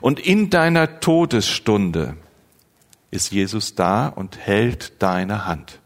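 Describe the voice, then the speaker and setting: A man preaching a sermon in a slow, earnest, pastoral manner, rising in emphasis at key phrases. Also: lowish voice, expressive. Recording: long church reverb.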